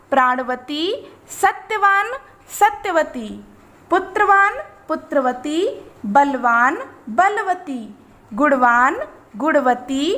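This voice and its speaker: Very high-voiced woman teaching slowly. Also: a bit bright. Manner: reads word pairs in a measured list, explaining each rule. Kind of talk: slow, deliberate grammar lesson.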